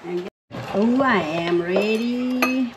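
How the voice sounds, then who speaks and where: Woman talking real slow while serving food at home, noisy background. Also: on the high side. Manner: unhurried, explaining as she serves. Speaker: cook. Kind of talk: casual cooking talk. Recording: home video with clear background noise.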